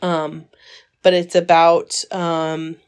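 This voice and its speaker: A woman's voice: on the low side, little pitch movement, drawn-out words, clear, resonant tone. Earnest woman co-hosting a book club chat. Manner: earnest, emphatic, many fillers and restarts. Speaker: book club podcast co-host. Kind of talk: casual chat. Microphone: phone recording.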